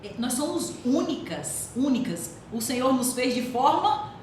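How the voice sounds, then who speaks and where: A woman with a Brazilian accent tells stories animatedly and laughs often, her voice set high. She sounds far from the mic, in a very echoey room with a steady hiss. The recording is noisy and roomy. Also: a little slow. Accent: Brazilian Portuguese. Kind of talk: casual faith conversation.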